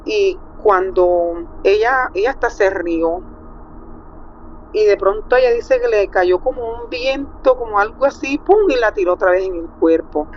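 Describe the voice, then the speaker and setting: A woman's voice: mid-range voice, unhurried. A middle-aged Colombian woman with a Colombian accent, calling in to tell a personal story with emotion, acting out quotes. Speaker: caller. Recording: muffled call with faint hiss.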